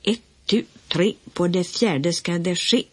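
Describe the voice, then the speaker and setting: A woman's voice: lowish voice, a little mellow, breathy edge. A woman voicing a cocky, bossy young boy who teases his friends. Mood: teasing bossy. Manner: brash, teasing.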